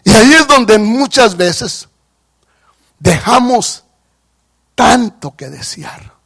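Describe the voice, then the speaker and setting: A man delivers a sermon in a high, lively voice. He preaches with passion, pushing his emphatic lines loud and letting asides fall to near quiet. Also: takes it slowly, creaky, slightly rough. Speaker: pastor.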